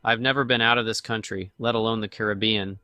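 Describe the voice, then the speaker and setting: A woman's voice: extremely low pitch, fairly even intonation, fast talker, pushed and bright, no room sound. A woman voicing an injured, captive man in a horror story, frantic and pleading. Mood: desperate.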